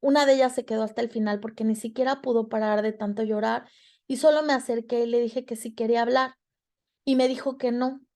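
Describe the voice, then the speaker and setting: A woman's voice: on the high side, steady tone, brisk, darkish tone. A woman with a Mexican Spanish accent giving a reflective talk to students about emotions, speaking expressively and acting out quoted dialogue.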